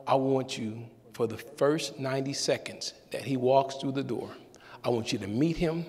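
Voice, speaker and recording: A man voicing an older male pastor with a deep, calm and measured voice, giving steady instructions. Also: breathy edge, in a large hall, natural voice. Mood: calm instructing.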